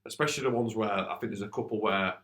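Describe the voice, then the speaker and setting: A man's voice: lowish voice, steady tone, quick pace, fairly bright tone. A man, co-hosting a casual futsal club podcast, talking plainly with many restarts about refereeing frustrations. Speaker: futsal coach and podcast co-host.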